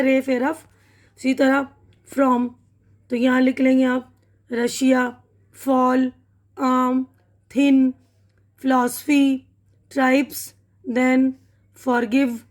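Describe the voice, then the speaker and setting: High-voiced woman teaching English vocabulary. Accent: Pakistani Urdu. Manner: patient, repeats words slowly, checks in with "theek hai na".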